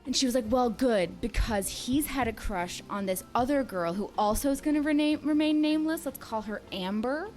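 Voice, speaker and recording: A woman's voice: fairly high pitch, normal speed, few pauses, soft background music. A woman in her thirties telling a story on a casual livestream, acting out the quoted dialogue. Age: 30s. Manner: animated, acts out quoted dialogue. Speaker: streamer's girlfriend, guest.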